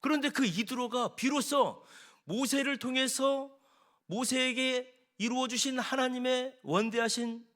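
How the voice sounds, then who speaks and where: A male senior pastor preaching a Sunday sermon in a church, emphatic and swinging from loud declarations to quiet confiding. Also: extremely high pitch, measured pace. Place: church sanctuary.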